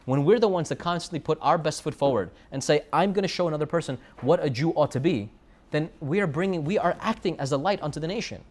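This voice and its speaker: An American man teaching a Torah lesson in a sermon style, animated and full of rhetorical questions. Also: a little high, fast talker. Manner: animated, rhetorical questions, sprinkles Hebrew and Yiddish terms.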